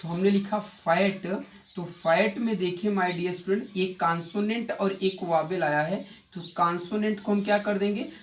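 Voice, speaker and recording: A male English grammar teacher giving a classroom lesson, repeating key points and quizzing his students with quick rhetorical questions. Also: high-pitched, steady tone. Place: coaching institute classroom. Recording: echoey room, distant mic, faint noise.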